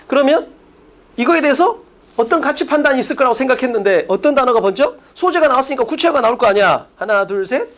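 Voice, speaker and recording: A man's voice: very high-pitched, lively intonation, a little fast, fairly bright tone. A man teaching an English class, lecturing bluntly in casual speech and drilling students with rhetorical questions.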